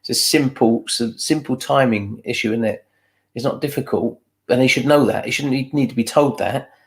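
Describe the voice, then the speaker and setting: A man with a gravelly, creaky voice co-hosts live fan commentary. He is blunt and critical, and he keeps tagging his points with "isn't it" questions. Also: mid-range voice, moderate pace. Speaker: fan channel co-host.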